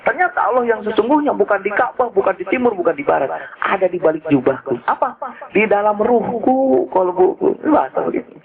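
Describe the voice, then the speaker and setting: High-voiced joking male preacher, tinny. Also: big pitch swings, brisk, creaky, crowd noise. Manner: joking storyteller, asks rhetorical questions. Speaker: Islamic preacher. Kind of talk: casual religious teaching talk. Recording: tinny lo-fi phone-like recording.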